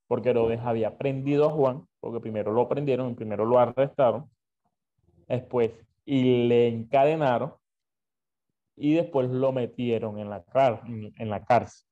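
Mellow-voiced man teaching a Bible lesson. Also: medium pitch, highs cut off. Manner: explanatory, repeats and corrects himself.

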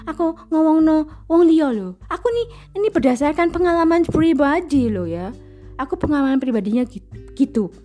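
A middle-aged woman, giving a self-mocking, animated confessional monologue about her own experiences. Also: high voice. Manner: self-mocking, animated, mimics other people's voices. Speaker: speaker sharing personal experience.

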